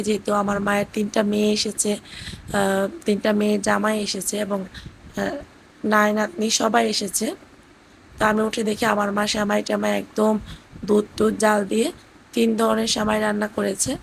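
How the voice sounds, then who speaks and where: A hoarse woman, her voice cracking, narrates a vlog about a family trip as voice-over from indoors at her parents' house. Her mid-range voice tells the story gently with fillers, on a rough recording with a little hiss or hum.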